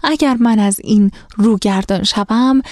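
A woman's voice: mid-range voice, a little mellow, dry recording, lightly acted. A proud, sorrowful young captive woman who speaks with polished eloquence, as a woman reads her lines. It is close and dry, a storybook reading. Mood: anxious. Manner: eloquent and formal.

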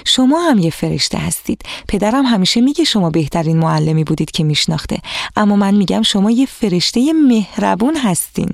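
An eager, cheerful little schoolgirl, as a storyteller plays her in a children's storybook. Her lines are pitched up from the reader's own voice and sound bright and excited. The recording is dry and close, with no room sound. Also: gravelly, dry recording.

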